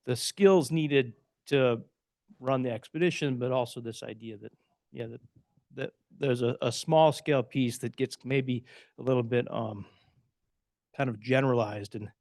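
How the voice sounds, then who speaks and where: A man presenting at a conference, answering audience questions in a thoughtful, measured way that often trails off. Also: medium pitch, darkish tone, dry recording.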